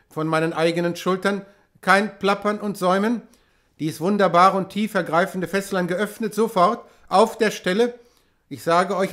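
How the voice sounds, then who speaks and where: A man reading an audiobook, voicing a devout abbot in his fifties who questions the fishermen and grows urgent. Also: sits high. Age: 50s. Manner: questioning, then urgent and excited.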